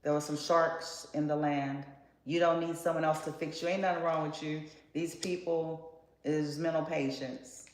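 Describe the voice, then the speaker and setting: A woman's voice: sits low, flat delivery, moderate pace. A woman giving a casual tarot reading in a blunt, profane, sassy way. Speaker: tarot card reader. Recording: roomy echo with faint background noise.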